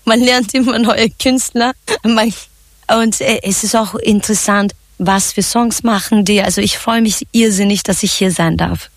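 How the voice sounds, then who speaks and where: Woman singer from Turkey, relaxed and chatty interviewee; dry studio mic. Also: medium pitch, moderate pace, no echo. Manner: relaxed, chatty, laughs often, many fillers. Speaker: singer and songwriter. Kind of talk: radio interview answers.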